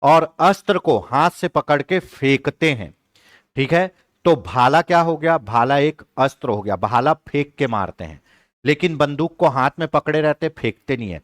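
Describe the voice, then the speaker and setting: A man teaching an online exam-prep class, explaining step by step and slowly repeating key words aloud. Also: on the high side, expressive, no echo, clean studio sound. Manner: explains step by step, often asking "ठीक है?".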